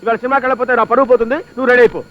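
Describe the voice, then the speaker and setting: An actor playing a joking middle-aged husband who chats and teases in a film comedy. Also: male voice, very high voice, steady tone, rapid-fire. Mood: coaxing. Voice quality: wisecracking, chatty. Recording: dull lo-fi film audio.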